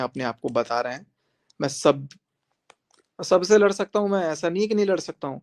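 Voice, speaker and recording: A man's voice: a little high, a little mellow. A man on a live stream, speaking confrontationally and repeating himself as he calls a rival to join him. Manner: confrontational, repetitive, addressing viewers directly. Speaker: livestreamer.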